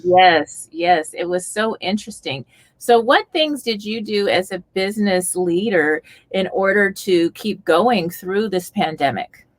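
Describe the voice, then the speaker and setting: A woman's voice: fairly low pitch, expressive, unhurried, no room sound. A woman hosting a radio interview show, reading an upbeat introduction and asking her guest questions.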